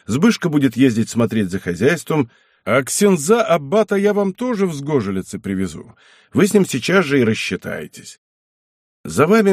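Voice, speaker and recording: A man voicing a kind, cheerful nobleman in an audiobook, with a warm, coaxing, lively manner and a husky voice. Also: medium pitch, dry recording, clean studio sound. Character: kind hearty middle-aged nobleman, cheerful. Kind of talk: audiobook character reading.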